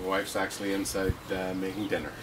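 Deep-voiced man, distant. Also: little pitch movement, a little fast. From Northern Ireland. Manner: dry, understated humour. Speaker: dog owner interviewee. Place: outdoors in a yard. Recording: distant outdoor mic with loud background noise.

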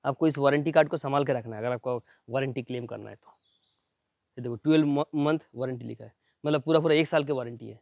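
Guy rattling through an unboxing, quick and chatty, keeps saying look here, dry close sound. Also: medium pitch, gravelly, no room sound, lo-fi sound. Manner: fast, chatty, repeats "ye dekho" constantly. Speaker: product reviewer. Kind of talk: casual unboxing demo. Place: at home near a building site.

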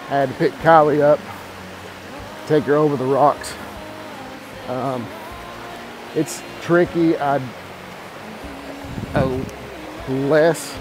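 A man whose voice runs on the high side chats casually for his hiking vlog, holding a phone camera at arm's length as he walks a wooded trail. His manner is folksy and relaxed, and the rough recording picks up outdoor noise along with a stream and wind.

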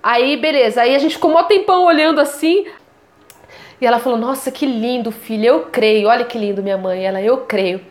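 Young Brazilian woman, high voice, chatty vlog testimony, animated with quoted voices. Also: brisk. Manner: animated, acts out quoted voices with big pitch jumps. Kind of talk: casual testimony storytelling.

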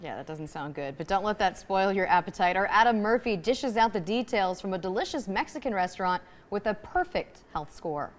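A woman's voice: medium pitch, lively intonation, a little fast, few pauses. A woman anchoring a news desk, reading the lead-in to a segment in a light, chatty way. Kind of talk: scripted studio news.

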